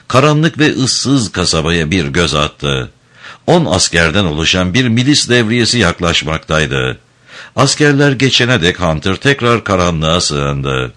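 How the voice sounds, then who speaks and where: Deep male narrator, storybook reading, lots of up and down in his voice. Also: pushed and bright. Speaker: audiobook narrator.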